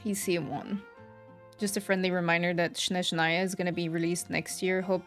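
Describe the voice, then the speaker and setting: This woman speaks at a normal speed in a fairly low, flat voice. She's livestreaming a game and casually chatting with viewers, responding informally to what they write while music plays in the background.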